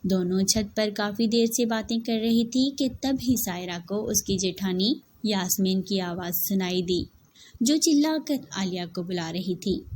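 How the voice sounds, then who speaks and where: A woman giving scripted narration of a cartoon story in a clear, steady voice. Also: mid-range voice, unhurried.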